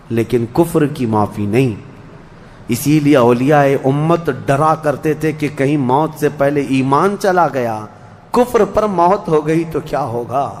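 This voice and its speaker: A fairly high-voiced man delivers a fervent religious sermon, his voice swinging between loud cries and hushed, low lines. He chants scripture verses slowly and at length. A long reverb trails his words around a large hall. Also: a little hiss or hum. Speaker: preacher.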